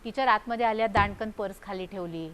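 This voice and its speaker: An older woman, a psychiatrist guest, explaining calmly and using proverbs. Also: mid-range voice, brisk, clear, resonant tone. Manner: calm, explanatory, uses proverbs. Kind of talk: explanatory studio talk.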